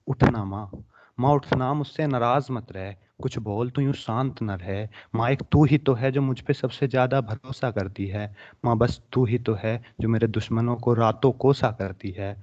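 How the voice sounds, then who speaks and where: A young man reciting his own emotional poem at a student poetry competition, his voice swelling with feeling and then dropping to soft, hushed passages. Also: medium pitch. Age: young adult. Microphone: online webinar microphone. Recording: dull lo-fi webinar audio.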